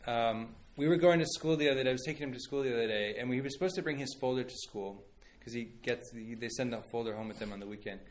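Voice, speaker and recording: A man's voice: mid-range voice, fast. A man in his thirties, a pastor giving a conversational sermon and telling stories with many fillers and restarts.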